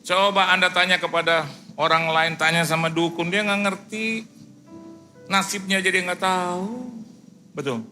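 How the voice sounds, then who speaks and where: A middle-aged Indonesian man preaching a sermon, animated, acting out dialogue in lively quoted voices. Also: high-pitched, normal speed, soft background music. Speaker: pastor. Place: church service.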